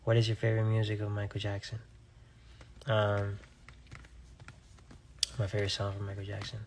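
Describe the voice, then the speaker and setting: Young man from Rhode Island, a singer doing live-stream Q&A, gravelly and laid-back. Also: on the low side, moderate pace, a little hiss or hum. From Rhode Island, USA. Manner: relaxed, reads viewer questions aloud and answers offhandedly. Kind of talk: casual live-stream chat answering viewer comments.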